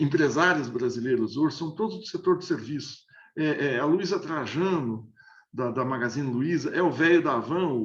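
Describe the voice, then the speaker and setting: Recorded in dull lo-fi audio with a roomy sound, a man in his sixties from the interior of São Paulo state, Brazil, speaks in a mid-range voice. As an interview guest he explains at length in a conversational, analytical way, hesitating and restarting again and again.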